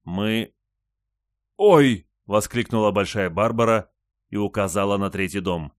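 A man reading an audiobook in an even, measured narration. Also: lowish voice, no echo, studio quality. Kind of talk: scripted narration.

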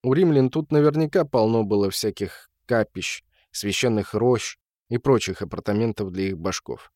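A man narrating a story as an audiobook reader, in a measured storytelling manner. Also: on the low side, darkish tone, dry recording, clean studio sound. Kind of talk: audiobook reading.

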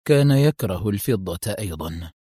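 A man voicing a calm, sly old male Buddhist high monk who speaks quietly and slowly with suspicion. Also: dry recording, clean studio sound, close to an everyday voice. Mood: quiet, wary.

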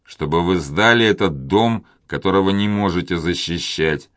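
A man's voice: sits low, moderate pace, a bit bright. A man voicing a determined young nobleman who speaks firmly and earnestly.

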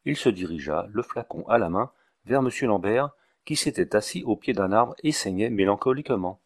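A man narrating an audiobook of a classic novel in a measured, literary storytelling way. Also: on the low side, expressive.

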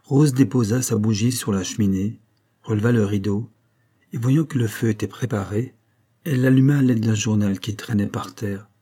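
A man narrating a novel as an audiobook in a measured, even reading. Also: on the low side. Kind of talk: scripted narration.

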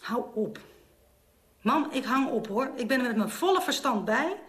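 A woman's voice: fairly high pitch, expressive, moderate pace, roomy sound, close to an everyday voice, poor audio. An actress in a radio play as a young woman on the phone with her mother, fussy, caring and exasperated. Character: young woman alone at home, anxious, caring. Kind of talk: radio drama acting.

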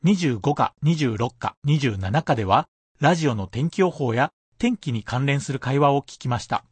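A man's voice: mid-range voice, expressive, moderate pace, slightly rough, dry recording. A man teaching a radio language lesson, patiently explaining pronunciation point by point.

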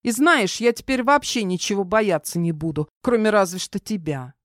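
A woman reading an audiobook, voicing a jumpy, sharp-tongued young woman who gabbles fast and snaps back. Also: medium pitch, dry recording, clean studio sound, pitched above the performer's own voice, close to an everyday voice. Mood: snappy. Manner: rapid, flustered, snapping.

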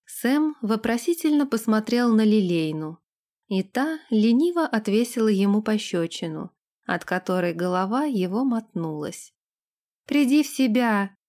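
Woman reading a fantasy audiobook, even steady storytelling. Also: medium pitch, moderate pace. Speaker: narrator. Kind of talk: scripted audiobook narration.

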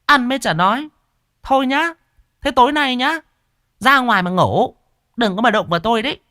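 A man voicing a sharp-tongued middle-aged boatman's wife who nags and threatens her husband. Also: very high voice, lively intonation, dry recording, clean studio sound, pitched above the performer's own voice, full character voice. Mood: scolding. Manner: scolding, nagging, quick.

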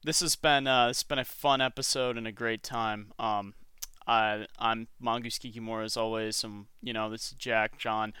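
A man hosting a casual podcast, with a bright, clear voice in a dry, close room. He rambles and jokes, restarting his sentences often. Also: on the low side, level tone, normal speed, no room sound. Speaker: podcast host.

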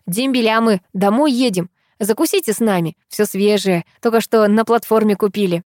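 A woman's voice: medium pitch, normal speed, darkish tone, no echo, clean studio sound, natural voice. A woman voicing a friendly young male soldier heading home from service, hospitably offering food and a seat. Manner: hearty, hospitable.

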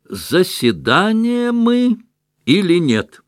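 A man's voice: sits high, huge pitch swings, drawn-out words, dry recording, clean studio sound, pitched above the performer's own voice, full character voice. A man doing a pompous meeting chairman. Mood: officious. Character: pompous middle-aged man running a vote.

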